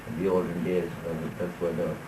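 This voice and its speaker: An older man from Ireland recalling local history, speaking slowly and haltingly with many pauses. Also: low-pitched, little pitch movement, echoey room, noisy background. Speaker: local interviewee.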